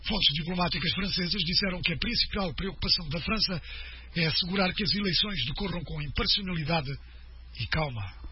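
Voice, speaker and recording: A man presenting the radio news in a steady, formal read. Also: high voice, fairly quick, husky. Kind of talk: scripted radio news reading. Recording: muffled radio broadcast with faint noise.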